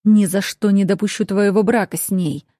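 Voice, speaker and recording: A woman's voice: medium pitch, fairly even intonation, moderate pace, dark tone, no room sound, studio quality, lightly acted. A woman doing a blustering angry old lord. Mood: indignant. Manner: indignant, blustering. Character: older lord, angry stern family head.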